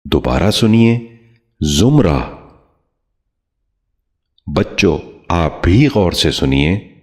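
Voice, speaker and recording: A man giving a scripted pronunciation lesson, speaking slowly and formally and repeating each word with care. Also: sits low, lively intonation. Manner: formal courteous address. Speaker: Urdu pronunciation teacher.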